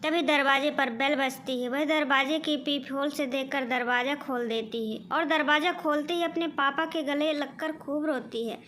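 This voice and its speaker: A woman narrating a family story in a steady, earnest tone. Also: high-pitched, normal speed, few pauses, a little hiss or hum.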